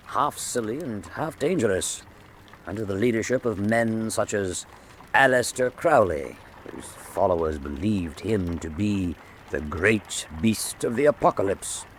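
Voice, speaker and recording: A man playing a genial, middle-aged Victorian doctor and old soldier, formal and measured in a radio drama. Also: on the low side, big pitch swings, slight background noise. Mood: reflective, grave. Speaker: narrator and character. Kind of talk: radio drama narration and dialogue.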